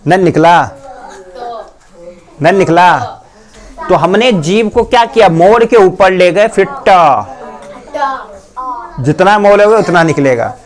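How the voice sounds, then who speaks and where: Speaking in a high voice with lively intonation, this Bihari-accented male teacher sounds out letters in a Hindi pronunciation class. He drills each sound slowly and keeps putting questions to his students.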